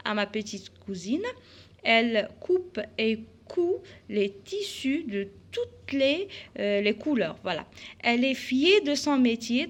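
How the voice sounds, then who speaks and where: A woman teaching a French grammar lesson to young pupils, carefully spelling out letters and repeating the rules with frequent fillers. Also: fairly high pitch. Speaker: primary school teacher.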